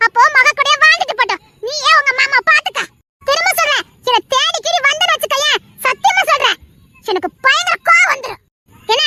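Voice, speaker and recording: Woman doing an angry high-pitched scolding wife, super bright sharp voice. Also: no room sound, exaggerated voice. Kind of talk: dubbed serial drama with one voice doing many roles.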